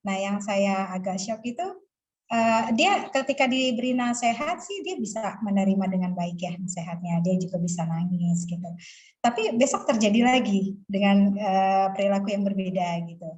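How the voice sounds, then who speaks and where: A woman's voice: mid-range voice, moderate pace, darkish tone, dull audio. A woman parent asking a question in a class, hesitant with many fillers.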